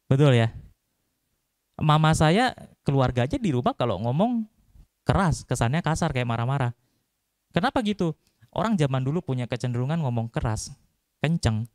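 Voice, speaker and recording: Mellow-voiced man giving a chatty sermon. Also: mid-range voice, no echo, clean studio sound. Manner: chatty, asks the audience questions, jokes. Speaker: Buddhist dhamma speaker. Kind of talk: casual sermon talk. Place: temple hall.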